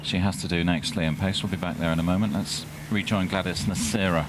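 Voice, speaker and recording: A man with a deep voice commentates on golf for a live broadcast. He speaks in short, measured phrases as a golf commentator does, over clearly audible outdoor noise. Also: fairly even intonation.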